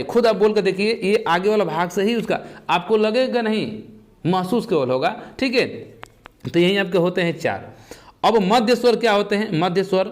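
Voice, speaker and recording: A man teaching an exam-prep lesson, who asks the class questions and answers them himself, repeating the key terms step by step. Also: fairly high pitch.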